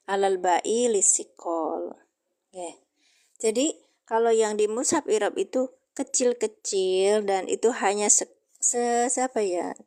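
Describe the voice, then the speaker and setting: Slow-paced woman teacher. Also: medium pitch, mellow. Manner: slow, chatty, answers viewer comments. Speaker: Quran grammar teacher on livestream. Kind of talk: casual livestream lesson.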